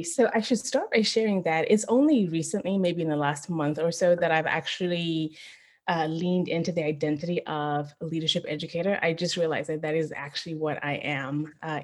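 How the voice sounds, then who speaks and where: A woman from Zimbabwe, a professor, speaking as a guest in a relaxed podcast interview and thinking her answers through with frequent ums. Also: sits low. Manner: thoughtful, reflective, with frequent ums. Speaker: guest, leadership studies professor.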